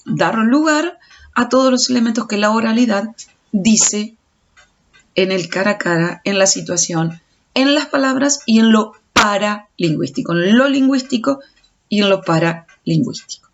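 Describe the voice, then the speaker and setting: A woman's voice: medium pitch, animated, moderate pace, a little hiss or hum. A woman teacher giving a recorded audio lecture, explaining step by step and stumbling over restarts. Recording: dull lo-fi recording.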